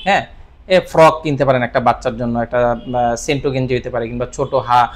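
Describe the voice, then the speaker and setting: A man teaching Japanese vocabulary in a casual lesson, often asking a question and repeating each word slowly. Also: medium pitch, steady tone. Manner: repeats words with quiz questions; draws out words slowly. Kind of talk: explanatory lesson.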